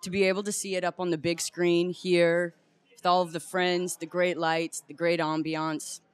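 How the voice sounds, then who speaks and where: A woman's voice: on the low side, flat delivery, normal speed, smooth. A woman being interviewed as an actress on a premiere red carpet, talking in a gushing, emphatic way.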